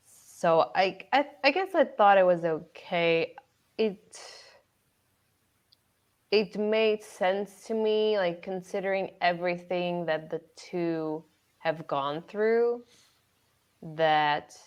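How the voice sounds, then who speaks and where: A woman with a fairly low voice chats about a book, circling her point with many restarts and fillers. The audio is dull and lo-fi, as if recorded on a basic call mic. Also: drawn-out words, pauses often, clean tone. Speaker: podcast co-host. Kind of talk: casual book discussion.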